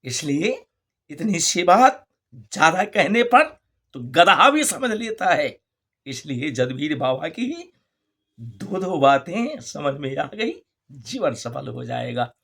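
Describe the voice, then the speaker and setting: A male preacher delivering a sermon through a folk fable, drawing each phrase out slowly. His voice is husky and breathy. He repeats lines for effect and keeps turning to the audience with rhetorical questions. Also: a little high, very animated, a bit bright. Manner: drawn-out, storytelling delivery.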